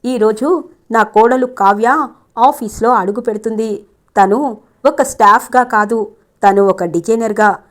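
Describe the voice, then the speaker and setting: A woman's voice: on the high side, a little slow, pauses often, lightly acted. A woman voicing a commanding family matriarch giving firm instructions.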